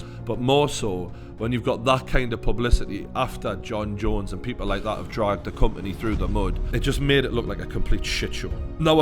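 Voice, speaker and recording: A man with a Newcastle Geordie accent giving opinionated reaction commentary in a blunt, sweary way. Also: on the low side. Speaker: YouTube fight commentator.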